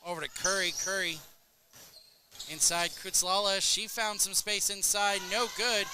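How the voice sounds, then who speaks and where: Guy calling a school hoops game, kinda high voice, dry jokes, noisy gym all around. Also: flat delivery. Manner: brisk calls, dry joking asides. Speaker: play-by-play announcer. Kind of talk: play-by-play commentary. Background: gym crowd and bouncing balls.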